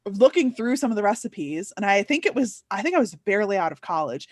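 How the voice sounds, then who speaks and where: In studio quality with no echo, a young woman talks books as a booktuber host, her medium-pitched voice very animated and quick. She's chatty, leans on "like" fillers, and slips into playful voices for quotes.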